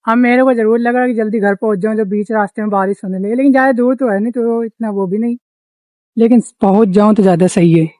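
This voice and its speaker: Chatty young Indian village vlogger, mellow voice. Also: male voice, sits high, fairly even intonation, fast talker, low-quality recording. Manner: chatty, explains village life to viewers. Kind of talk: casual vlog narration to camera. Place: village home, garden and roadside.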